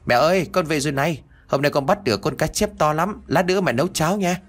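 A man voicing an eager young village son who talks in a chirpy, excited way. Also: fairly high pitch, fast, pitched above the performer's own voice, close to an everyday voice. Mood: cheerful.

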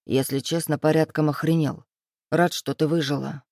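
A woman reading an audiobook voices a curt, self-assured man in power, speaking low, clipped and matter-of-fact. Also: level tone, normal speed, darkish tone, no room sound, clean studio sound. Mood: dry, wry.

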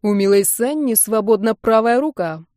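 A woman's voice: on the high side, darkish tone, no echo, clean studio sound, close to an everyday voice. A woman doing a sneering young man. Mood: mocking. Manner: mocking, slow drawl.

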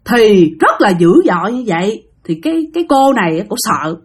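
A woman's voice: mid-range voice, very animated, moderate pace, breathy edge. A woman with a Southern Vietnamese accent telling a ghost story in a chatty way, speaking directly to her listeners. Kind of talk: spoken ghost story narration.

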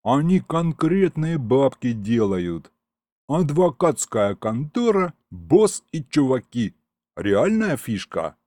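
Guy voicing a lazy slangy imp, slow drawl, dark warm tone. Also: medium pitch, very animated, no echo.

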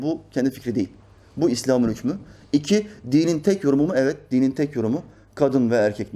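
Emphatic Turkish preacher, mellow voice. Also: male voice, medium pitch. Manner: reads news quotes then argues with rising, emphatic rhetorical questions. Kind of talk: religious commentary talk.

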